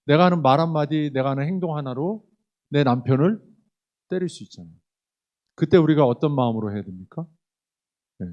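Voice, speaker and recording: A man's voice: mid-range voice, a little mellow, lo-fi sound. A middle-aged man preaching a sermon as a pastor, talking to the congregation in a conversational way and often putting questions to them. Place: church sanctuary.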